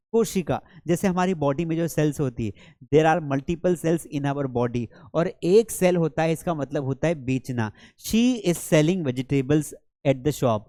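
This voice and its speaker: A man teaching English vocabulary in a lesson, calling students beta and reading English example sentences slowly. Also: fairly high pitch, dark tone, no room sound, clean studio sound. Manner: calls listeners beta, slows right down for English example sentences. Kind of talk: classroom lesson explaining words.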